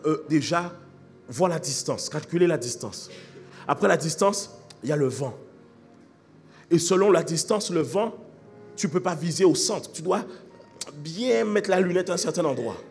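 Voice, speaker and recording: A man preaching a sermon as pastor, fervent, shifting from shouted calls to fast, quiet explaining. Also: a little high, in a large hall. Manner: fervent preaching, swings between shouting and rapid quiet talk.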